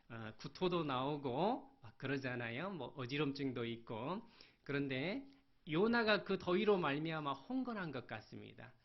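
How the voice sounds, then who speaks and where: Gravelly, animated Korean pastor preaching. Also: male voice, fairly high pitch. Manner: animated, asks the congregation questions. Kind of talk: sermon. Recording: dull lo-fi sermon recording.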